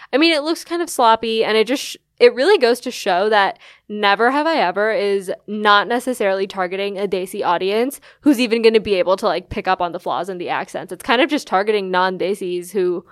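A woman's voice: medium pitch, no echo. A young woman co-hosting a casual podcast. She talks frankly and chattily, and fills her sentences with "like" and "you know". The recording is dry and close. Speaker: podcast co-host. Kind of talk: casual chat.

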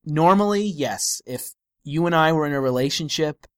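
A man's voice: on the high side, animated, moderate pace, clear, resonant tone, no echo. A man co-hosting a film podcast in casual chat, often trailing off and searching for the right words. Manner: hesitant, searching for words, stretched-out phrases.

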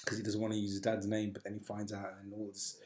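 A man's voice: on the low side, monotone, fast. A man hosting a casual podcast chat, rambling with many hesitations and restarts. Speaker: podcast host. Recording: echoey room.

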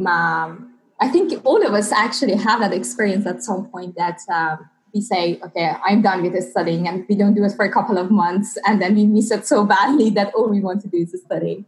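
An earnest woman in her thirties, originally from Iran, talks through her research as a podcast guest. Her phrasing is a little halting, with fillers here and there, and a faint hiss sits under the recording. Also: medium pitch, poor audio. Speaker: guest, PhD student in biomechanics. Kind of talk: conversational interview answers.

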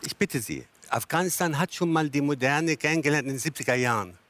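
A man's voice: fairly high pitch, fast, a bit bright. A man arguing as a guest in a televised panel debate, who often stumbles over his words and restarts, and cuts in bluntly.

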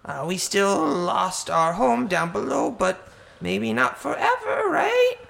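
Man doing a hoarse bird-voiced goblin chieftess. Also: sits high, very animated, slow, a bit bright, pitched above the performer's own voice, full character voice. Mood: eager. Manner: stammering, repeats words. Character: short hoarse goblin woman chieftain, anxious.

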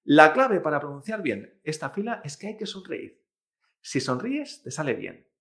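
A male Chinese teacher giving a pronunciation lesson, patiently modelling each sound slowly and repeating it, often tagging "¿eh?" and "¿vale?". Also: on the high side, sing-song, a bit bright. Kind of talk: language lesson.

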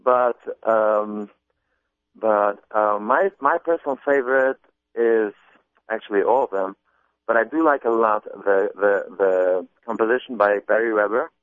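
A man with a lowish voice talks casually about making his album, often restarting and repeating words as he goes. The sound is thin and phone-like, with a dry, close feel and no room echo. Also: unhurried. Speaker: comedy album artist. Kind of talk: casual interview talk. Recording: muffled phone-line sound.

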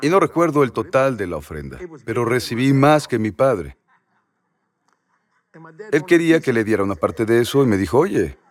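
A man's voice: mid-range voice, big pitch swings, moderate pace, long pauses. A man preaching a sermon, telling personal stories, acting out quoted voices and asking the audience rhetorical questions.

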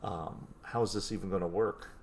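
A man in his forties with a fairly low voice co-hosts a podcast. He chats in a loose, nostalgic way, often circling back and restarting his sentences. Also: fairly even intonation, moderate pace, a little mellow. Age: 40s. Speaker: podcast co-host. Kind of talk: casual chat.

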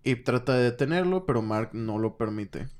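A man's voice: mid-range voice, animated, normal speed, darkish tone. A young man with a Mexican accent, casually retelling a comic book story and voicing the characters' lines in a raised voice. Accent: Mexican Spanish. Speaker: podcast co-host recapping a comic book.

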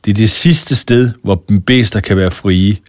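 A man's voice: on the low side, no echo, studio quality, close to an everyday voice. A man voicing a haughty, affected queen of the beasts in a storybook reading. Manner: affected, mocking.

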